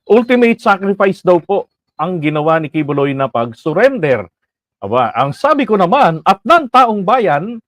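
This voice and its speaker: A man's voice: fairly high pitch, no echo. A man with a Filipino accent doing casual political commentary on a livestream, chatty and rhetorical, often laughing and slipping into English phrases.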